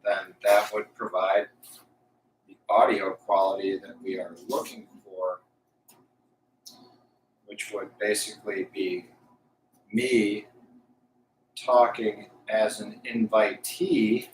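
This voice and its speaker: A man live streaming casual, unscripted talk, thinking aloud haltingly as he tests a Bluetooth mic. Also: lowish voice, fairly even intonation. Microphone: Bluetooth lapel mic. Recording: echoey, distant Bluetooth mic, faint noise.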